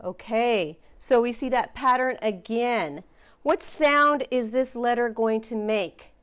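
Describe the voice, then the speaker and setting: Slow, patient woman teaching phonics. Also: fairly high pitch, fairly bright tone, clear, resonant tone. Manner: slow, patient, encouraging, sounds out letters. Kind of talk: phonics lesson for young learners.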